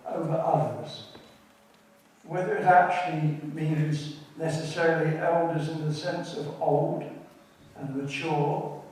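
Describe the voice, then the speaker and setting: A man with an English accent giving a sermon in a large church, speaking in a measured way with frequent hesitations. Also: on the high side, darkish tone, slight background noise. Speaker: lay preacher. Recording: echoey church from a distance.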